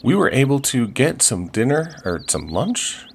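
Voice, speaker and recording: In a gaming video, a man with a medium-pitched, sing-song, creaky voice talks at a measured pace over life-sim play, with a little hiss or hum in the audio. He's cheerful and talkative, full of fillers, restarts, and pirate banter.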